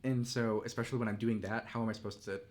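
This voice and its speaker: A man's voice: fairly low pitch, steady tone, fast talker. A man co-hosting a casual gaming podcast, talking in loose, rambling sentences full of fillers. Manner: rambling, hedging with "like". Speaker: podcast co-host. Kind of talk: casual roundtable chat.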